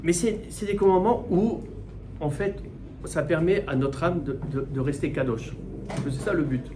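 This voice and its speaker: A middle-aged man, a rabbi, giving a Torah class in with mixed in, animated and full of rhetorical questions. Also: a little high, normal speed, background noise. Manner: animated, rhetorical questions, repeats words while searching. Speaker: rabbi teaching the weekly portion. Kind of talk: Torah class, spoken teaching.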